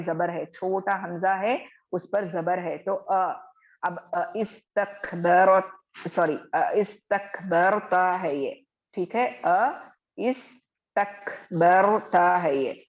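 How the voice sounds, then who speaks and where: Woman tajweed teacher, slow and patient, lower voice, dull call audio. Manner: patient, explains step by step, often checks with "theek hai"; slowly chants Arabic words while demonstrating. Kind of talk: online class lecture. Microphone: video call.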